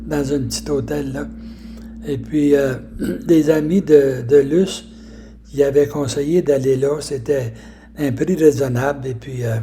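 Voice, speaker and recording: A man in his eighties with a Québécois accent, telling stories from his life in a rambling, halting way full of fillers and restarts. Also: fairly high pitch, warm tone, slight background noise. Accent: Québécois French. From Quebec. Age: 80s. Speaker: storyteller recounting his life. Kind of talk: casual life storytelling.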